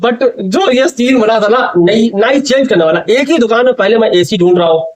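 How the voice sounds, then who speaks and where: A young man vlogger from India, casually retelling a funny barbershop mishap, animated and laughing at his own story. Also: very high-pitched, moderate pace.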